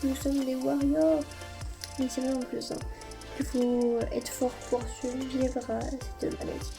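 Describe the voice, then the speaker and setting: High-voiced woman chatting in a vlog. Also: level tone, unhurried, gravelly, over music. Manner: chatty, hesitant with frequent fillers. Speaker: beauty YouTuber. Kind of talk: casual haul vlog chat.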